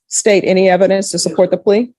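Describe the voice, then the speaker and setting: A woman's voice: mid-range voice, flat delivery, quick pace, mellow, no room sound. A woman speaking as a judge in a courtroom, formally putting questions and giving rulings. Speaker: judge presiding over a court hearing.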